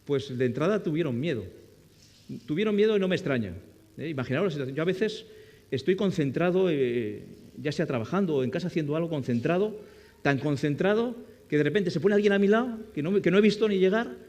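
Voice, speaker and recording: Male preacher, slightly high and very animated, asks the congregation questions, long hall reverb. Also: a little fast. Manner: asks the listeners questions and acts out the quoted speech. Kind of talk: sermon.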